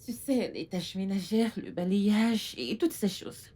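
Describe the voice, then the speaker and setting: A woman's voice: mid-range voice, measured pace, mellow, close to an everyday voice. A woman dubbing a film role: a friendly, encouraging young woman chatting with her best friend. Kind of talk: dubbed film acting.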